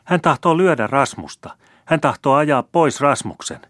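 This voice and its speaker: A man voicing a wild, merry eight-year-old girl who shouts defiantly in an old storybook reading. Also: lively intonation, dry recording, studio quality. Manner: shrill and defiant.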